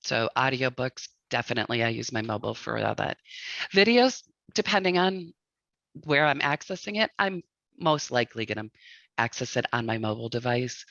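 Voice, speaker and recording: A man's voice: medium pitch, big pitch swings, moderate pace, gravelly, bright, forceful tone, no echo. Man giving direct practical advice. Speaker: webinar presenter. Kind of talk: instructional webinar talk. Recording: dull lo-fi dry audio.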